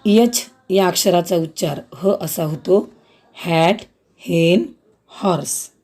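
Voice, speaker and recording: A woman teacher giving a school lesson on letter sounds, slow, careful and word by word. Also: on the low side, darkish tone.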